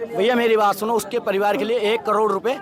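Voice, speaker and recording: A man's voice: high-pitched, little pitch movement, quick pace. A man at a protest answering a reporter insistently, pressing his demands and talking over him. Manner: insistent, combative, addresses reporter as sir. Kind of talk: heated street interview. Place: outdoors at a protest crowd. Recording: loud crowd at a protest.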